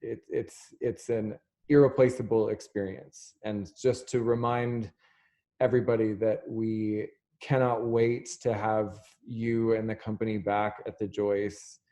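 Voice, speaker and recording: A man moderating an artist talkback over a video call, giving closing thanks in an unhurried way with many fillers. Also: fairly low pitch, flat delivery, dark tone. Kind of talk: closing remarks in a video chat.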